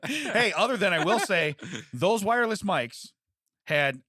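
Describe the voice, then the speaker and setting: A man's voice: high-pitched, very animated, measured pace, sharp tone, dry recording, studio quality. A man co-hosting a podcast in casual banter, joking and laughing often, with stammering restarts. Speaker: podcast co-host.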